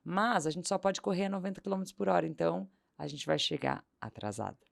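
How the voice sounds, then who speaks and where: Speaking quickly in a low, creaky voice, a woman guest on a podcast recounts a story during a casual interview. She brings it to life by performing the dialogue of the people involved.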